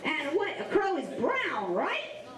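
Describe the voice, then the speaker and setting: A woman with a Cajun accent telling a story to children in a playful, animated way, acting out the dialogue. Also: high-pitched, takes it slowly. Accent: Cajun Louisiana. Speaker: storyteller and face painter. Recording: echoey large room, distant mic.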